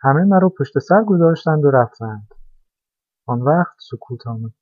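A man voicing an eager, boastful go-kart that tells its tale with lively excitement, as a storybook character. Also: on the high side, no room sound. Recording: dry, dull lo-fi recording.

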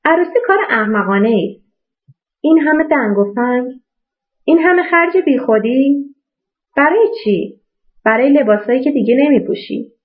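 A woman's voice: high-pitched, expressive, pauses often, pitched above the performer's own voice. A woman reading the lines of a nervous teenage girl who scoffs at weddings, with a raised, emphatic voice, in a tinny phone-like recording. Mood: scornful.

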